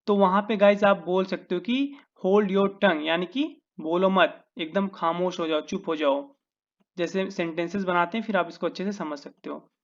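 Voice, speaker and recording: A man's voice: high voice, muffled recording. A man with an Indian accent teaching English phrases in a casual lesson, drawing out his example sentences word by word and calling his viewers "guys".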